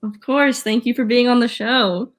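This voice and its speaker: A woman's voice: on the high side, steady tone, moderate pace. A young woman in her twenties hosting an interview, friendly and affirming as she steers with questions. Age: 20s. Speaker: student host.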